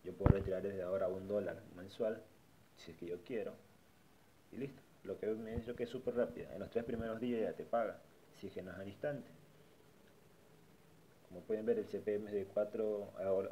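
A brisk, warm, somewhat low male voice with fairly even intonation narrates a screen-recorded tour of a website. The tutorial vlogger keeps it casual but repetitive, restarting phrases while pointing things out. It's a low-quality recording with slight background noise.

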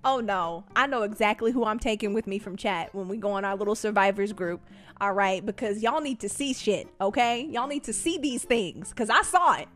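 A woman streaming a horror game, chatting with viewers and yelling at the characters, swearing freely and slipping into excited outbursts. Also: mid-range voice, normal speed, soft background music. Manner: chatty asides to chat with "girl" and "y'all". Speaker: gaming streamer. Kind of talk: live gameplay commentary.

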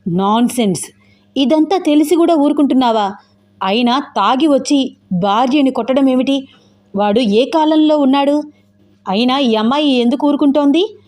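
An agitated young man who won't let things go, firing off questions, read by a woman narrator in a middle-pitched voice. he presses hard, protective and indignant, in a storybook audio drama. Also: normal speed, long pauses, dark tone, natural voice. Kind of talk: audio novel dialogue.

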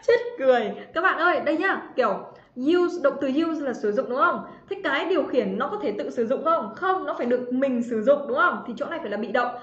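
A woman's voice: high voice, animated, a little fast, a bit bright. A woman teaching an English grammar livestream, chatty and teasing, calling out students by name. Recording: roomy, slightly dull livestream audio.

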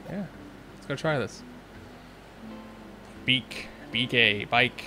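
A man's voice: medium pitch, over music. Chatty young man commenting on gameplay. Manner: chatty, thinking aloud, quick asides. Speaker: let's play host.

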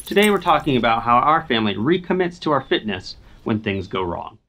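A man in his thirties, hosting a scripted fitness explainer in an earnest, steady, instructive way, filmed in front of a home climbing wall. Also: medium pitch, a little fast. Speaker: host.

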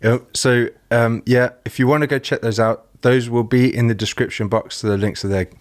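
A man's voice: medium pitch, steady tone, brisk. A man co-hosting a podcast, asking questions in a friendly, jokey way. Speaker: podcast co-host. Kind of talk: podcast interview.

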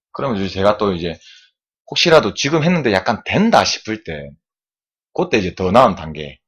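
The recording has its highs cut off, and the man's voice is lowish and husky. He's a swimming instructor on a live stream in an indoor room, sweaty after a swim, repeatedly demonstrating arm strokes with "like this."

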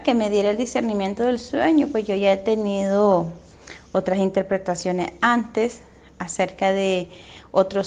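A woman from Nicaragua, speaking in a fervent, prayerful and repetitive way as a religious dream interpreter. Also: mid-range voice. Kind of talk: religious testimony.

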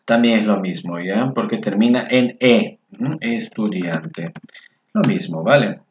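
A man teaching a Spanish grammar lesson to learners in a friendly way. He repeats words slowly and mutters asides to himself while fixing his screen. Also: lowish voice, slight background noise. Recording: echoey room, dull lo-fi sound.

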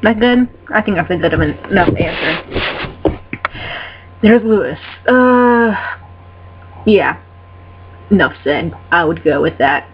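A woman answering fan questions in a casual vlog, excitable and giggly, rambling with lots of fillers and casual swearing. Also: on the low side, slow, pauses often. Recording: dull lo-fi sound with faint hum.

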